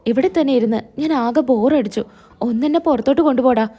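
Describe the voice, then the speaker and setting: A wounded young wife, read by a woman, pleading and reproachful, high and mellow. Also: brisk, slightly rough.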